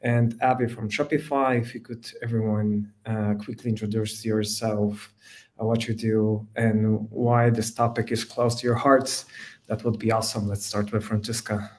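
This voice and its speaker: Male host, online panel moderator, relaxed and halting. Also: fairly low pitch. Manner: relaxed, hesitant with many fillers. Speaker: host, design manager.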